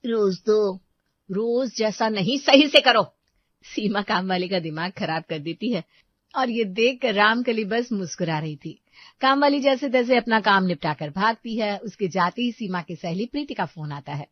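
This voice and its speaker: A woman's voice: medium pitch, moderate pace, no room sound. Woman narrating a dramatic storybook. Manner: dramatic, expressive. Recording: dull lo-fi voice track.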